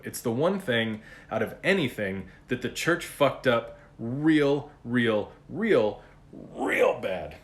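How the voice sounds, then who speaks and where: A man talks through a casual monologue as a podcast host, blunt and full of cursing. His delivery is animated and unpolished, like everyday speech. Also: medium pitch.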